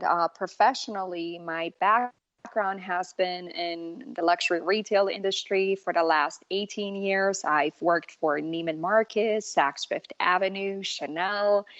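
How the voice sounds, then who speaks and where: A woman in her forties, born in Bosnia and raised in Germany, speaking as an as a makeup artist guest on an interview podcast, unhurried and earnest. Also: lowish voice, dry recording, muffled recording. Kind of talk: casual interview talk.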